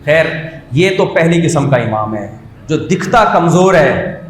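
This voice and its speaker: Animated man giving a religious lecture. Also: on the high side, echoey room. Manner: animated, mocking asides, drops to quiet muttering. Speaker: Islamic scholar giving a talk.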